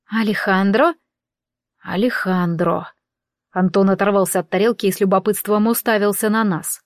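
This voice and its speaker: A woman narrating a first-person audiobook in an expressive, conversational way. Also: medium pitch, fast talker, no echo, studio quality.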